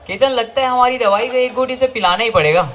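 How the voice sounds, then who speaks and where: A man's voice: extremely high pitch, fast talker, fairly bright tone, a little hiss or hum. A man playing a pushy, jovial young college drinking buddy, coaxing and insistent in an amateur stage play.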